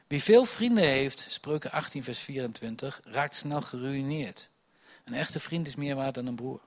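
A man with a medium-pitched, expressive voice preaches a sermon at normal speed, telling Bible stories. He restarts often, drops into soft asides and rises to loud emphasis.

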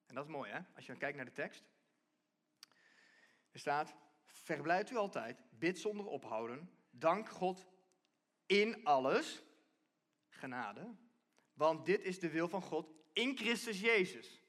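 A man's voice: on the high side, expressive, measured pace, long pauses, a bit bright. A man giving a conversational sermon from a church stage, often restarting and repeating himself as he explains. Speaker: preacher.

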